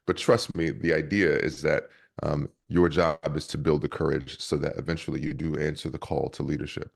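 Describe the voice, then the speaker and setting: A leadership coach and speaker with a rumbling low voice, creaky and edged with breath, talks at normal speed with a flat delivery. In a conversational interview he tells stories energetically, restarting many times.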